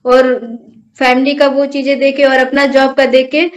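High-voiced young woman telling a devotional story. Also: level tone, unhurried, lo-fi sound. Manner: earnest, storytelling, addresses host as bhaiya. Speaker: guest devotee telling her experience. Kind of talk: personal testimony in conversation.

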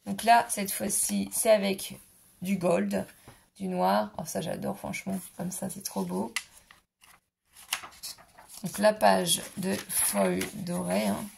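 A woman's voice: mid-range voice, lively intonation, slow pace, gravelly, long pauses, a little mellow, slight background noise. A woman vlogger showing off a scrapbooking haul in a casual, gushing way, her voice a bit worn. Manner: gushing, enthusiastic, repeats "trop mignon". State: voice going, clearing throat. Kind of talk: casual product haul show-and-tell.

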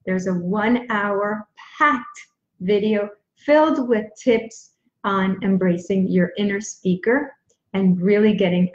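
A woman speaking coach gives motivational tips in an upbeat, emphatic way, leaning on key words. Her medium-pitched voice sits in a roomy, echoey space, and the sound is slightly dull and lo-fi. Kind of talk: motivational tips straight to camera. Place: small indoor room at home.

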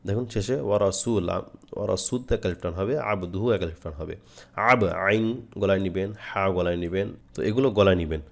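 A man from Bangladesh teaching Quran recitation step by step, explaining each phrase plainly. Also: deep voice. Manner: models phrases with long drawn-out chanting, then explains plainly.

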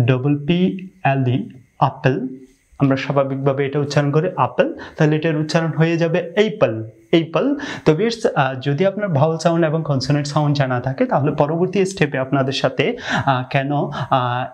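A Bangladeshi man teaching English pronunciation in a video lesson, speaking slowly with frequent pauses and repeating each word for drilling. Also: a little high.

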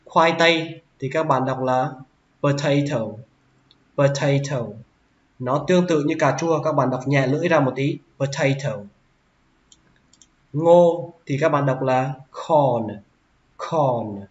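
A man teaching English vocabulary, who says each word slowly and repeats it several times. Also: medium pitch. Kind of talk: vocabulary lesson. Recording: roomy, dull lo-fi sound.

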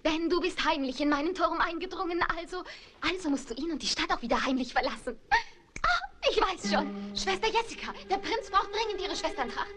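An actress playing a naive, romantic young fairy-tale princess in a film comedy, gushing in a breathless, swooning and theatrical way. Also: female voice, very high-pitched, animated, brisk. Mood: bossy, scheming. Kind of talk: theatrical comedy film acting in German dub. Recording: music behind the dialogue.

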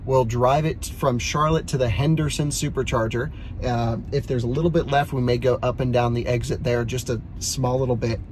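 A man's voice: mid-range voice, steady tone, normal speed, darkish tone, slight background noise. A man in his thirties hosting a casual car review, talking upbeat and explaining from inside a car. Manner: upbeat, explanatory, laughs often. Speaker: host.

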